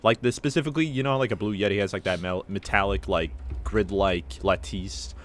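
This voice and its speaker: A young American man chats casually as a podcast co-host, his voice sitting very low. He rambles through his story, stopping and restarting with plenty of fillers. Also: fairly quick, a little hiss or hum. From United States. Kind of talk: casual chat.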